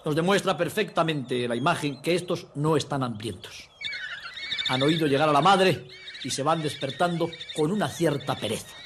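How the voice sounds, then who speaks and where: A man's voice: a little high, moderate pace, a bit bright. A man narrates a nature documentary. His delivery is emphatic and didactic, as if teaching friends. The soundtrack is noisy, with birds and crickets behind him.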